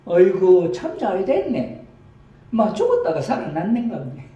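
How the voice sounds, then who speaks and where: A man's voice: big pitch swings, moderate pace, dark tone, distant mic, highs cut off. A man doing a nosy Gyeongsang granny. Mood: gossiping. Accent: Gyeongsang dialect. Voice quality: high squeaky put-on old woman's voice. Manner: chatty, exclaiming, nosy. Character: gossiping old country grandmother, woman. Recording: roomy hall with faint hiss.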